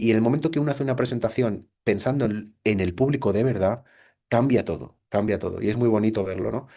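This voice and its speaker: This is a reflective recorded lecture from a middle-aged Spaniard, his mid-range voice dark in tone and his accent Spanish. He keeps restarting and posing rhetorical questions, captured by a computer microphone.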